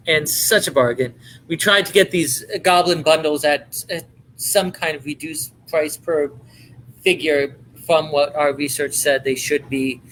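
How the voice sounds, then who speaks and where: Man, live-stream seller, playful salesman patter, high pitch, faint background noise. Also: fairly bright tone, poor audio. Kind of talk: home-shopping style sales pitch.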